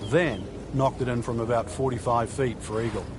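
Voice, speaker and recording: A man's voice: medium pitch, fairly even intonation, normal speed. A middle-aged or older man giving golf commentary as an expert former player, explaining the holes and shots. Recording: very noisy outdoor location. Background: loud outdoor ambience.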